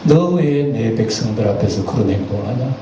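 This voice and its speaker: A man voicing God sternly calling a servant to account, low and grave. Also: animated, warm tone, a little hiss or hum, close to an everyday voice. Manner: slow, low, grave rebuke. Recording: echoey church hall, distant mic.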